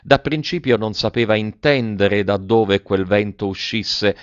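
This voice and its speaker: A man reads a classic storybook aloud in a measured, expressive voice. The recording is dry, with no room echo, and slightly muffled. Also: on the low side. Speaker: narrator. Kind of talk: storybook audiobook reading. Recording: dull, dry audiobook recording.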